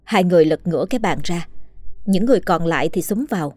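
Husky, dark-voiced woman reading a horror story. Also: lowish voice, dry recording, studio quality. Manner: steady, measured storytelling. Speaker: narrator. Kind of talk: scripted horror story narration.

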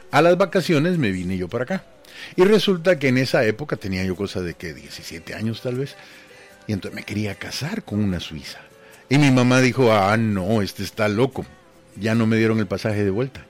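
A Guatemalan man in his 60s, a radio DJ guest, rambles through anecdotes about his life and acts out the voices of the people he quotes. His fairly low voice is animated and moderately paced, with soft music playing behind him in this casual radio interview.

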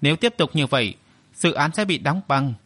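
A man's voice: fairly high pitch, lively intonation, a little fast, fairly bright tone. A man voicing a bitter, vengeful young man in an audio story, speaking coldly and curtly. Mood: scheming. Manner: cold and curt.

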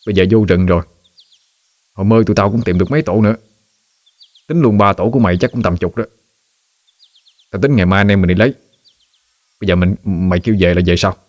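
A man voicing a brash young friend who talks in a quick, mocking way. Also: low-pitched, a little mellow, lightly acted. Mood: scoffing.

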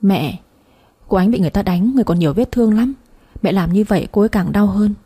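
A woman's voice: mid-range voice, fast talker, dark tone, breathy edge, natural voice. A woman voicing a protective young wife who calls out urgently and pleads. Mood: pleading.

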